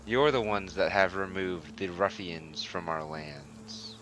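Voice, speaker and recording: A man's voice: sits low, takes it slowly, a bit bright, a little hiss or hum. A man doing a dreamy, distant ethereal wolf spirit. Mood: serene. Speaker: game master.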